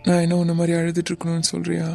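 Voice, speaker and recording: A woman voicing a gentle young man in love, soft and coaxing, in an animated web series. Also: lowish voice, rapid-fire, creaky, soft background music. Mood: tender.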